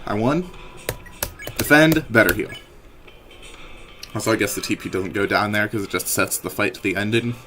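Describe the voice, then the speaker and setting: A man casually commenting on a game he is playing, chatty and quick to restart his sentences. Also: on the low side, background noise. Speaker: gaming channel host.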